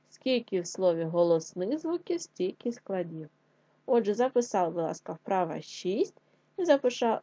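A woman teaching a young children's class, sounding out syllables slowly and patiently. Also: medium pitch, dark tone, no room sound. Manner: slow, clearly spelled-out syllables, patient. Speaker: primary school teacher. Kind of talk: slow online lesson for young children. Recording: dull lo-fi sound.

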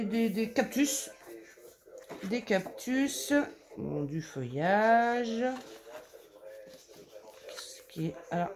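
A woman vlogger walks through her scrapbooking purchases in an easy, chatty way. She gushes over every design, trailing off into fillers. She speaks warmly to her viewers as if they were friends. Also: fairly high pitch. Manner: enthusiastic, gushing over papers with many fillers; addresses viewers affectionately. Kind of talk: casual product haul show-and-tell.

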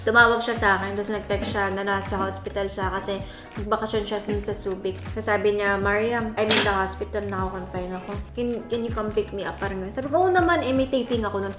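A young woman hosting her own vlog, recalling family memories in a soft, reflective way and slipping English phrases into her Tagalog. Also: mid-range voice, quick pace. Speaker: vlog host. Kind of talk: casual chat and personal storytelling. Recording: roomy sound with background music.

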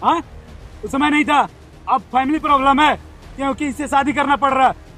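A man's voice: very high voice, a little fast, bright, forceful tone, soft background music. A young man acting in a staged vlog skit, playing a bystander who confronts a bully with curt, repeated orders. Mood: interrogating. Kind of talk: staged street drama.

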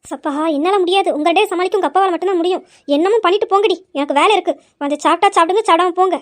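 Young woman doing a bossy mom, scolds nonstop, very high and rattling fast. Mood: exasperated. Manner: bossy, scolding, quick retorts. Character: nagging, scolding middle-aged mother, sharp-tongued. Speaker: scolding mother in a family skit. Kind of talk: comic family skit acting.

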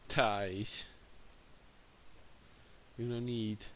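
A man's voice: on the low side, little pitch movement, extremely slow, fairly bright tone, a little hiss or hum. A man chatting casually on a livestream, distracted and talking to his chat and a friend. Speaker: livestream host.

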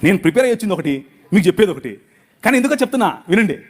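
A man's voice: high-pitched, big pitch swings, racing, a little mellow, husky. A middle-aged male pastor with a Telugu accent preaching a passionate sermon. He acts out prayers and God's replies.

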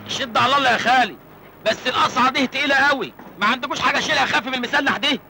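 An actor with an Egyptian accent playing a naive, orphaned village youth who is always hungry, wheedling and joking in film comedy. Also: male voice, very high-pitched, very fast, vocal fry, background noise. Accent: Egyptian Arabic. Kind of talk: 1980s film comedy acting.

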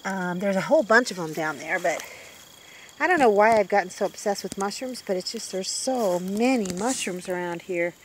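With lively intonation and a normal speed, a woman in her fifties chats and wonders aloud while vlogging on a woodland walk. Her voice is mid-range, recorded outdoors on a handheld phone camera with a little hiss or hum.

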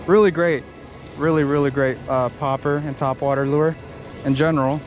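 A man's voice: on the high side, normal speed. Chatty young man fishing outdoors. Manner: chatty and excitable, rambling explanations with many fillers. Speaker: fishing vlogger. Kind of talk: casual outdoor fishing vlog. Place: outdoors on rocks at a park pond. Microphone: head-mounted action camera.

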